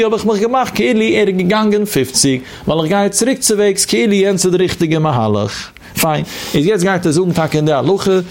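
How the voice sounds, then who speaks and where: A man gives a religious text lecture in a sing-song teaching voice that sits a little above the usual male pitch. He steps through each point, poses questions and answers them himself, and says the key figures again and again as he goes.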